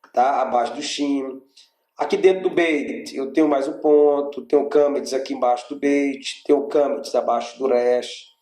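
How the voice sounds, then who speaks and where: A man's voice: a little high, warm tone, roomy sound. A man with a Brazilian Portuguese accent teaching an online class on biblical Hebrew, explaining step by step and checking in with his students. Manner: explanatory, checks in with frequent "tá?" and "gente". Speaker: Bible language teacher. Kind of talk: online lecture with slides.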